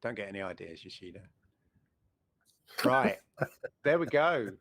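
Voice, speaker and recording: A man's voice: fairly low pitch, very animated, a little slow, gravelly, fairly bright tone. A middle-aged man co-hosting a retro gaming show, chatting with enthusiasm and rambling through restarts. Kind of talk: casual chat.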